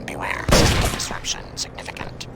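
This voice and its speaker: An actor voicing a damaged security robot in a video game, with a creaky robotic filter and clipped, mechanical status reports. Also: male voice, moderate pace, over loud music. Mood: malfunctioning. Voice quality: gravelly, grinding low voice. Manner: clipped status reports in short flat phrases. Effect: creaky robotic voice filter, sounding broken.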